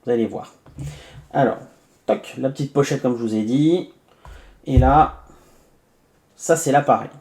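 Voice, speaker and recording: A man from France reviews a gadget in a relaxed, chatty unboxing. His voice is mellow and dark at an ordinary middle pitch. He pauses often and fills the gaps with small asides. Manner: chatty, many hesitations and asides, narrates each step. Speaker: tech reviewer.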